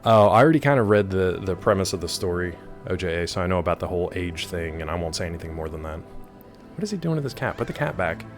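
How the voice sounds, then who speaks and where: Animated low-voiced man streaming a game. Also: fast talker, faint music behind. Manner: rambling, jokey, playful. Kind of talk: casual gameplay commentary, chatting with viewers.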